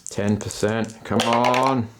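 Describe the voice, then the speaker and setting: A man's voice: medium pitch, steady tone, slow pace, very noisy. A man giving casual running commentary as he plays a tabletop game alone, with slangy, self-deprecating asides. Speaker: host and player of a solo tabletop game.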